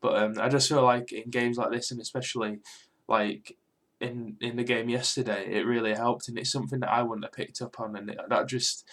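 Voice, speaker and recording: A young British man speaks in a quiet but clear voice, held back a little by a sore throat. He rambles casually and swears freely, like a fan recording a match reaction. His pitch sits in an ordinary male middle range. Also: flat delivery, a little fast. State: mildly ill with a sore throat. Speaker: football fan video host.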